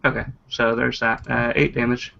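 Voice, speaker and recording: Man, tabletop player, hesitant, gravelly, bright tone. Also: mid-range voice, level tone, normal speed, highs cut off, slight background noise. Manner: hesitant, many uh's, vivid narration. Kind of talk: casual tabletop play and narration.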